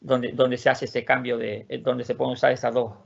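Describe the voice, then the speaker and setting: A man teaching a class online, repeating words slowly to model their pronunciation. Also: mid-range voice, flat delivery, vocal fry. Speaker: Swedish teacher. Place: lives in Sweden. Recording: lo-fi muffled audio.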